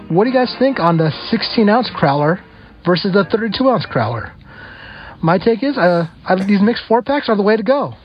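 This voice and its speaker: A man's recorded voice message plays with dull, muffled, lo-fi sound and faint music underneath. His voice sits a little high. He chats in a relaxed, friendly way as a listener calling in, with frequent "uh" pauses. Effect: recorded voice message played on the show. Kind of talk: casual chatty voicemail.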